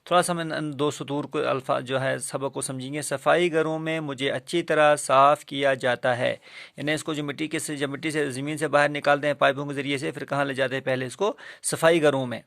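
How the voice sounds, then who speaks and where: Gravelly-voiced man teaching children. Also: medium pitch, steady tone, fairly bright tone, no room sound, studio quality. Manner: slow letter-by-letter spelling out of words; patient, repetitive teaching voice. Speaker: primary school teacher. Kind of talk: recorded Urdu reading lesson for children.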